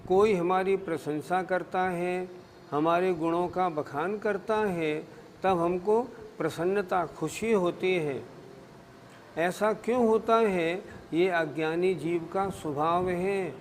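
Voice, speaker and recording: A man's voice: high-pitched, slow pace, long reverb tail, a little hiss or hum. A man giving a scriptural discourse as a religious scholar, explaining patiently and answering his own questions.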